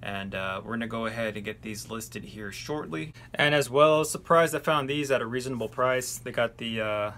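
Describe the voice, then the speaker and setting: A man in a relaxed, chatty recap to camera, joking at his own slips, sitting in a vehicle. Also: medium pitch, normal speed, few pauses. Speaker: sneaker reseller vlogger.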